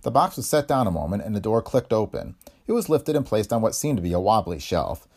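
A man narrating a 1930s pulp adventure story in a vivid, expressive reading style. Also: on the low side, brisk, slightly rough. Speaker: narrator of pulp fiction podcast. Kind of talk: dramatic audiobook narration.

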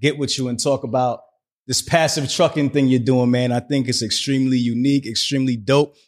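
A man's voice: medium pitch, fairly even intonation, brisk. A man hosting a casual podcast interview, friendly and slangy, eager in his questions. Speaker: podcast host.

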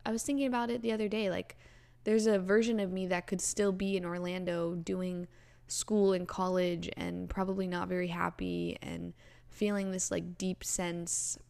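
A woman's voice: mid-range voice, creaky, a little mellow. A woman in her twenties hosting a casual solo podcast, talking earnestly and rambling with lots of "like" and "you know". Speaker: podcast host.

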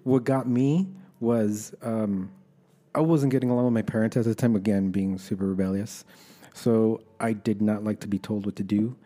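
Speaking as an interview guest, this Los Angeles-born army veteran in middle age tells personal stories openly and conversationally in an American accent. He has a warm, somewhat low voice, keeps his intonation fairly even, and moves at a moderate pace.

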